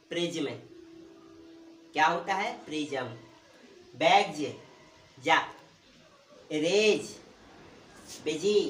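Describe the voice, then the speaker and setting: A male teacher giving a pronunciation lesson, asking questions and answering them himself and repeating words slowly. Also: on the high side, bright, forceful tone, recorded from a distance, a little hiss or hum. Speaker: English teacher. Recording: roomy echo, voice from off the mic.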